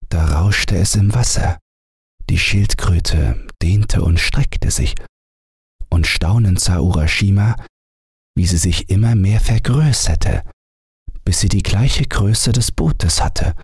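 Give me a deep-voiced man narrating a calm bedtime story. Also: slightly rough, no echo, clean studio sound. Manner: measured storytelling voice. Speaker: audiobook narrator. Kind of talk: calm bedtime fairy tale reading.

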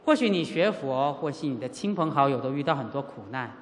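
Middle-aged preacher, animated storytelling sermon, lively pitch, long hall reverb. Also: a little fast, slight background noise. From Taiwan. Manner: animated, acts out dialogue, asks the audience rhetorical questions. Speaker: Buddhist teacher giving a sutra lecture. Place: lecture hall at a Buddhist centre.

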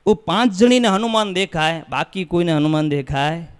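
A man with a Gujarati accent from Kutch, preaching as he tells a religious story in a temple hall, lively and acting out the voices and cries in the tale. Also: high voice, moderate pace, clear, resonant tone. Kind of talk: storytelling sermon. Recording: long hall reverb.

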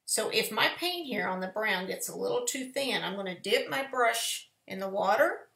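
A woman's voice: mid-range voice, animated, moderate pace, gravelly, fairly bright tone. A woman, giving a chatty, folksy step-by-step painting lesson in a live tutorial. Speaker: painting teacher. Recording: echoey room.

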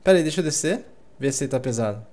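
Lively Brazilian gamer guy, chatty. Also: mid-range voice, racing. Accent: Brazilian Portuguese. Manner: laid-back, chatty, says "velho" often. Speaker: gamer co-playing. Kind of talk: casual gaming chat.

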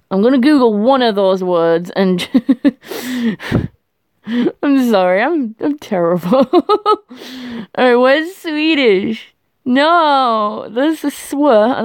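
A woman's voice: fairly high pitch, dry recording. A woman vlogger chatting casually to herself as she works through a quiz, laughing often. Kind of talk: casual thinking aloud while doing a language quiz.

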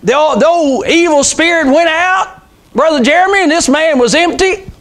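In a small indoor church, a man in his sixties gives a fervent, unscripted sermon in a very high, slightly bright voice at normal speed. Emphatic and repetitive, he calls out amens and throws rhetorical questions to the congregation, recorded through a lapel mic.

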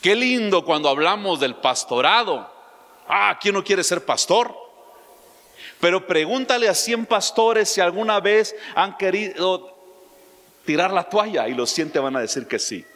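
A man preaching a sermon as pastor, emphatic, throwing out rhetorical questions and rising suddenly to loud lines. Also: sits high, expressive, unhurried. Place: church. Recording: long church-hall reverb.

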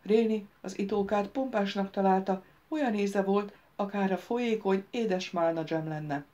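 Woman, audiobook narrator, measured storytelling, lifts voice for dialogue. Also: medium pitch. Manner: reads dialogue lines louder and livelier than narration.

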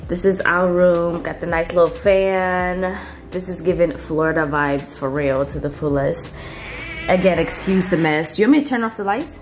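A woman's voice: lowish voice, moderate pace, faint music behind. A young woman talking to her camera in a casual, upbeat vlog while on a beach vacation, giving a tour of a rental house. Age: young adult. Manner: chatty, upbeat, talks straight to camera. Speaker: lifestyle vlogger.

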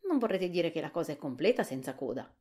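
A woman voicing a naive, eager male pumpkin-headed man in a soft whispered role-play audiobook. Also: low-pitched, big pitch swings, fast talker, breathy edge, full character voice.

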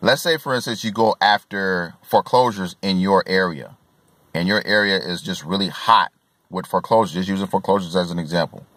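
Deep-voiced guy in his 40s coaching from his car, phone at arm's length, dry close sound, lots of ums. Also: fairly quick, a bit bright, no room sound. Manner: earnest, coaching, with frequent fillers and restarts. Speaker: real estate investor giving tips. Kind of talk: casual advice vlog. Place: inside a parked car. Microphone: phone camera at arm's length, filmed from below.

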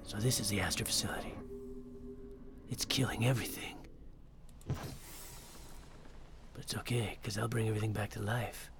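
A man putting on a gruff, gravel-voiced male monster hunter, muttering in a dry, clipped, deadpan way while streaming a game. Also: moderate pace, pauses often, noisy background. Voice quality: gravelly, low and growly. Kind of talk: gamer putting on a character voice.

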